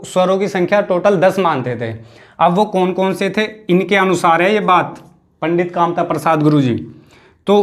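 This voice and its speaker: A male Hindi teacher giving a classroom lecture in a western Uttar Pradesh accent, explaining step by step and repeating key terms. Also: high-pitched.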